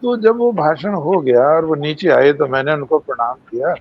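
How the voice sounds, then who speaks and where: A man's voice: fairly high pitch, normal speed, muffled recording. An older man giving a devotional lecture, telling stories and acting out the voices of sages and animals. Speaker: main speaker.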